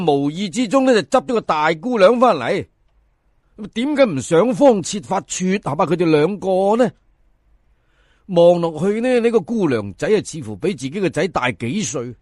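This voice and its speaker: In colloquial Cantonese, a male storyteller recounts a folk tale to his listeners with theatrical emphasis, his slightly high voice rising and falling dramatically. The recording is close and dry, with no room sound.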